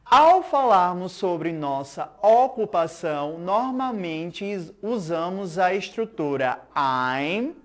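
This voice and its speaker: Brazilian teacher lady, talks real slow, lively up-down voice, makes you repeat words. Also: lowish voice. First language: Portuguese. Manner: slow, patient drilling with repeat-after-me prompts. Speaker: English teacher. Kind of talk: school TV English lesson.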